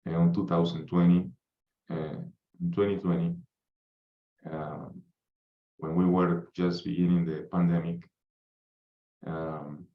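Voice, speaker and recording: A man speaks in a low, even voice that barely rises or falls. He is a guest recounting his life slowly and haltingly, with frequent fillers. The remote audio sounds roomy and muffled. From Peru. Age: 50s. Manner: unhurried, halting, frequent ums and uhs. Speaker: podcast guest. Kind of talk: reflective personal account.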